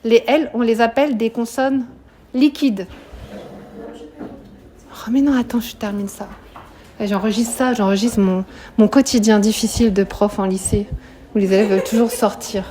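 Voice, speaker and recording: Higher-voiced woman teaching a class. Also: fairly even intonation, moderate pace, long pauses, warm tone, a little hiss or hum. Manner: explanatory, questions students, frequent "hein" tags. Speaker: high school French teacher. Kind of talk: live classroom lesson. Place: classroom with students.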